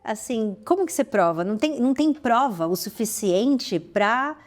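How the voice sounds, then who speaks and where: A slightly high, lively voice belongs to a Brazilian Portuguese-accented woman, a guest who founded a social fashion project. Speaking at normal speed in a conversational podcast interview, she tells stories earnestly, restarting often and punching up her emphasis without warning.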